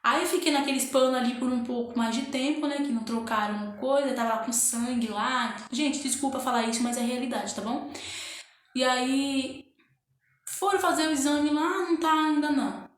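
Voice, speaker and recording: A woman with a high voice recounts her story in a casual, emotional way, circling back over the same words and calling out to her viewers. The recording is full of room echo. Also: normal speed. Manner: emotional, repeats phrases, often addresses listeners as "gente". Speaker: new mother telling her birth story. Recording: very echoey room.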